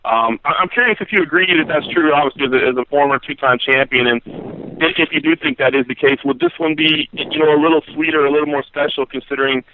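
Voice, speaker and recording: A man's voice: fairly high pitch, fast talker, slight background noise. A man, a sports reporter, putting questions to fighters on a press conference call over the phone. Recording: narrow telephone line.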